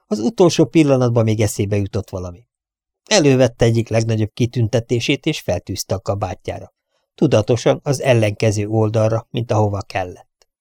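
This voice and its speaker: A man reading a novel aloud as an audiobook narrator, in an even, measured way. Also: lowish voice, no room sound, studio quality. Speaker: audiobook reader.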